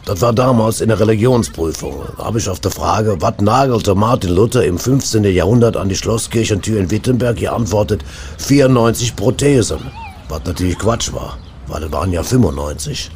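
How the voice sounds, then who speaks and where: A man doing comedy banter, rambling and deadpan, often stammering over his words. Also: lowish voice, brisk, slight background noise.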